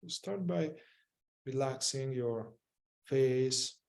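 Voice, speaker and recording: Leading a mindfulness meditation, a man speaks in short phrases with long pauses, gentle and never rushed. His voice is medium-pitched with vocal fry.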